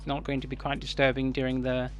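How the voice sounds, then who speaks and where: A man with a Kenyan East African accent giving casual unboxing commentary as a tech reviewer, haltingly thinking aloud. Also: medium pitch, monotone, a little hiss or hum. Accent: Kenyan English. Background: music.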